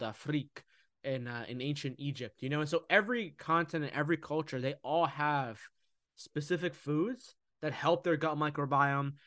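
A young man from the United States talks casually about food and nutrition in a podcast conversation, animated and often slipping into mocking voices. His pitch is fairly high, and the clean studio sound has no room sound.

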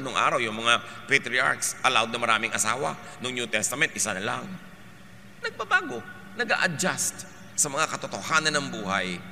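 A man preaching a sermon, mixing Tagalog and English, with an animated and forceful delivery. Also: mid-range voice, vocal fry, big-room sound, a little hiss or hum. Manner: animated, switching between Tagalog and English, rising to forceful emphasis.

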